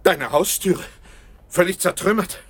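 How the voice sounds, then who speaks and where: An actor playing a loyal, easily startled gentleman doctor in a German radio play, indignant and sometimes stammering. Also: sits high, measured pace, slightly rough, exaggerated voice. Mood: alarmed. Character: loyal, flustered, exasperated gentleman doctor, detective's friend.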